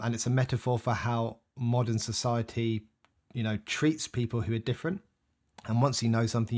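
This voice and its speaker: A man talks as a psychotherapist giving his reaction. His voice sits at an ordinary middle pitch. He is thoughtful and measured, thinking aloud as he goes. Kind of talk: reflective reaction commentary.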